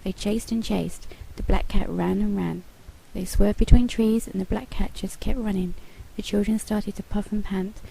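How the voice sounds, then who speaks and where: A woman narrating a children's storybook aloud in a gentle, measured way. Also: mid-range voice, fairly even intonation, vocal fry, a little hiss or hum, low-quality recording. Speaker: author reading her own book.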